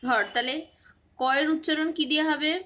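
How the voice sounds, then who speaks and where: A teacher with a high, bright voice runs a relaxed phonics lesson at a slightly fast pace, repeatedly asking short quiz questions and patiently repeating the answers. There's a bit of hiss or hum in the recording.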